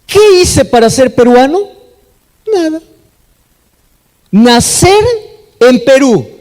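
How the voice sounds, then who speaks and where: Recorded in an echoey hall with long reverb, a Peruvian pastor preaches a sermon with emphasis in Peruvian Spanish, asking and answering his own questions to the congregation. His voice is very high-pitched, animated, slow and a little mellow.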